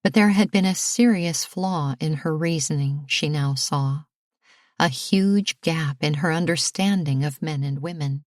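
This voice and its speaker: A woman narrating a historical romance audiobook in a measured, expressive reading. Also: low voice, dry recording, studio quality. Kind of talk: scripted narration.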